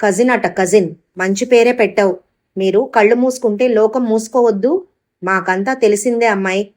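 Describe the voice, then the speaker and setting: A woman's voice: mid-range voice, normal speed, darkish tone, close to an everyday voice. A woman reading the part of a scornful young mistress with cutting retorts.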